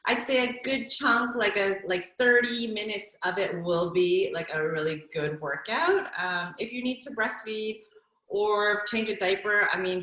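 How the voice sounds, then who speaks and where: A woman's voice: mid-range voice, pushed and bright. A Canadian woman leading a mom and baby workout class over a video call, giving chatty, encouraging cues. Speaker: fitness instructor. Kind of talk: live virtual workout class cueing. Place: home workout space. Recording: very echoey room.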